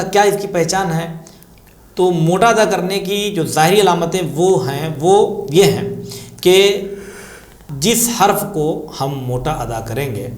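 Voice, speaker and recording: A Tajweed teacher explains the rules of Quran recitation in a religious lesson, answering questions and patiently repeating sounds and examples. His voice is fairly high-pitched with a darkish tone, and the sound is roomy.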